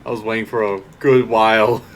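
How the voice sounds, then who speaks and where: A man chatting casually with a streamer while gaming, laid-back and halting with fillers. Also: lowish voice, level tone. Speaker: co-player on a stream.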